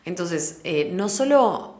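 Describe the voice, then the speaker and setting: A woman's voice: fairly low pitch, expressive, slow pace, a little mellow, roomy sound. A young woman with a Rioplatense Spanish accent hosting a solo podcast, explaining animatedly with everyday examples. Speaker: podcast host. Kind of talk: casual solo podcast talk.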